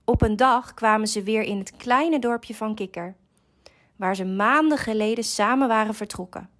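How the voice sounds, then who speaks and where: A woman reading a children's story aloud, slow, gentle and expressive. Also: on the high side.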